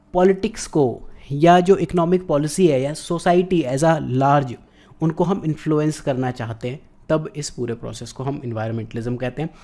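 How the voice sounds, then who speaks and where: A man's voice: fairly high pitch, mellow. A man teaching a recorded geography exam-prep lecture, explaining in Hindi mixed with English terms and often checking in with "right".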